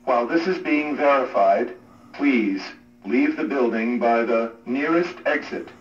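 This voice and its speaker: A man giving a calm, measured prerecorded emergency announcement over a public address loudspeaker. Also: medium pitch, faint music behind. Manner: calm, measured, even delivery. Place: hotel corridor. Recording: echoey, muffled loudspeaker from far off.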